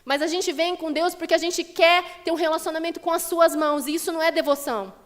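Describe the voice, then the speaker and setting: High-voiced woman preaching in a reverberant church. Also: fast talker. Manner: lively, conversational preaching with acted quotes. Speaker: pastor. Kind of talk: sermon. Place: church sanctuary. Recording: long church hall reverb.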